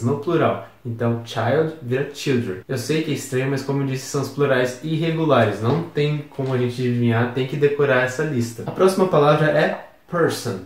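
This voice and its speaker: A man with a Brazilian Portuguese accent gives a recorded lesson in a calm, patient way, stopping to spell words out one letter at a time. His voice sits at an ordinary middle pitch. The room around him adds a clear echo. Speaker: English teacher.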